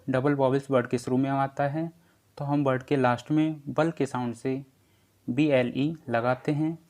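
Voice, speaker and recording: Slow, patient male teacher. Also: mid-range voice, darkish tone. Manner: slow, patient and repetitive, drawing out letter sounds. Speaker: English pronunciation teacher. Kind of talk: slow spelling lesson explanation.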